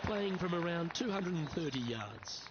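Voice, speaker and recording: A man doing play-by-play golf commentary in measured, clipped phrases. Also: a little high, lively intonation, muffled recording, crowd noise, noisy background, close to an everyday voice. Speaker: lead golf commentator in a video game.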